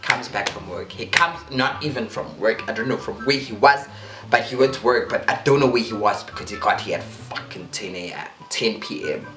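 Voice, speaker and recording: A man telling a casual storytime, animated and expressive, swinging between hushed and loud. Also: lowish voice, moderate pace. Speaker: storytime vlogger. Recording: roomy with faint music.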